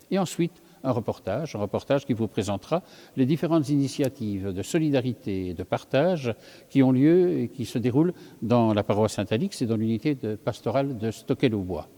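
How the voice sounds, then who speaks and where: A priest giving a sermon, thinking aloud with many fillers and self-corrections. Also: male voice, medium pitch, warm tone, long reverb tail. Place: church.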